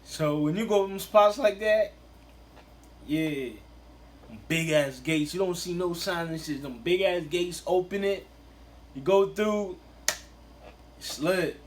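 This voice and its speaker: A man's voice: sits high, takes it slowly, long pauses, slight background noise. A man from Haiti giving casual, slangy, profane reaction commentary. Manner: slangy, laid-back, profane. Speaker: reaction video host.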